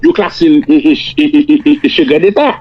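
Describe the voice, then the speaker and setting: A Haitian man, native in Creole, giving political analysis and mixing French with Creole, often repeating words haltingly as he builds a point. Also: a little high. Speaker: political commentator. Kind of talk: political analysis on a talk show. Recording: dull lo-fi radio-like audio.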